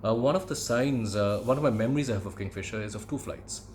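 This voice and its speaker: A middle-aged podcast host and aviation commentator from Calcutta, India, reminisces in a conversational monologue with an educated Indian English accent. His phrasing is measured and hesitant, his pitch fairly low and a little mellow. The recording carries a slight hiss or hum.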